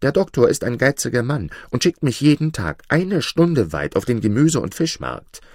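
A man's voice: medium pitch, very animated, moderate pace, a little mellow, dry recording, clean studio sound, voice pushed up. A man reading the part of an anxious, homesick young Egyptian servant boy in a storybook tale, pleading and earnest. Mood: lamenting.

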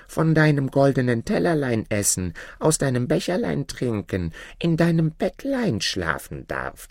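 A man voicing a pleading male frog in a well, in a slow, coaxing, croaky way, reading a fairy tale. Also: medium pitch, no room sound, studio quality, pitched above the performer's own voice, full character voice.

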